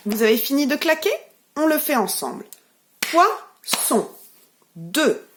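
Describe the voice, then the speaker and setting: Over a noisy background, a woman with a French accent and a high, sing-song voice runs a remote preschool lesson at normal speed. Speaking gently and pronouncing each word distinctly, she has the children clap out syllables.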